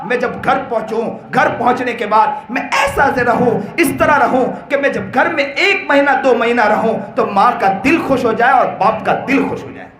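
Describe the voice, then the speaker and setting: Older male preacher, high-pitched, heartfelt storytelling sermon, roomy hall recording. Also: fairly bright tone. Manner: emotional storytelling, repeated invocations. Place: large hall at a religious gathering. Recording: echoey hall with faint noise.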